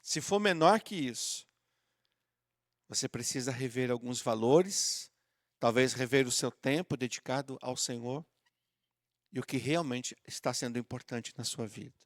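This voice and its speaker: With a medium-pitched voice and an unhurried pace, a southern Brazilian pastor gives a sermon in a church auditorium. The studio sound is clean with no echo. He speaks to the congregation warmly and conversationally, performing sample prayers as he goes.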